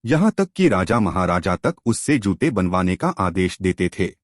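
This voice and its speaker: A man's voice: deep voice, sing-song, normal speed, dry recording, studio quality. A man narrating a moral story, addressing listeners as friends.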